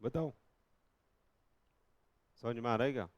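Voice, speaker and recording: A man teaching a classroom lecture, often checking whether his students follow and reading definitions slowly, word by word. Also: medium pitch, no room sound, muffled recording. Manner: talks straight to students, asks if they follow, reads definitions slowly.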